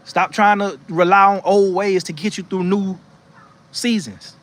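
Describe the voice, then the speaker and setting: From a porch rocking chair outside, this livestream host shares casual spiritual encouragement and responds to the chat in an unhurried way. His voice sits high and a bit bright, with fairly even intonation, and his preachy, chatty delivery keeps restarting, peppered with "you know what I'm saying."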